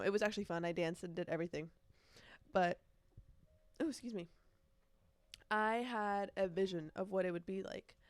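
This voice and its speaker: There's no audible room sound as this podcast host, a nineteen-year-old woman, talks alone in a relaxed, meandering style. Her medium-pitched, slightly dark voice carries young slang, self-corrections, and emphatic repeats.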